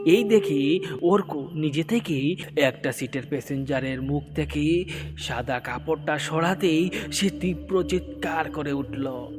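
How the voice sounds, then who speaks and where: A man narrating a horror story in a slow, dramatic storytelling manner. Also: a little high. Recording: long reverb with background music.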